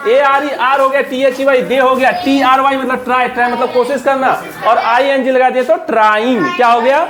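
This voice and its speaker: A woman's voice: high-pitched, level tone, a bit bright. A woman teaching an English reading lesson, spelling words letter by letter and drilling pupils with repeated questions. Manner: drills students with repeated call-and-response questions; reads English slowly word by word. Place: classroom. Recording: noisy classroom crowd. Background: class of children responding.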